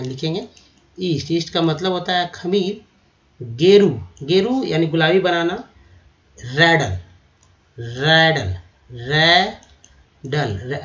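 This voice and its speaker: A man with a slightly high voice teaches a vocabulary lesson. He takes his time, repeating each word and spelling it out letter by letter. The recording sounds somewhat dull and lo-fi.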